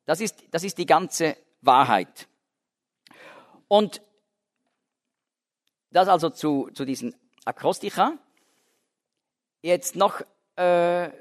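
A man giving a Bible lecture, explaining word by word with frequent restarts and fillers, stressing key words. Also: a little high. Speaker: Bible teacher. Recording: long hall reverb.

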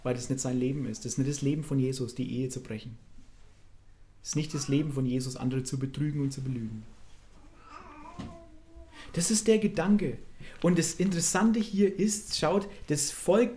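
A man preaching a sermon, swinging between loud fervent calls and quiet intimate asides, acting out voices as he preaches. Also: a little high. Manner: acts out quoted voices in his preaching.

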